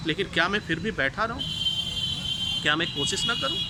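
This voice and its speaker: A man's voice: high voice, expressive, fairly quick. A man giving a motivational speech to students in a declamatory way, repeating each line for emphasis. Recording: clear background noise.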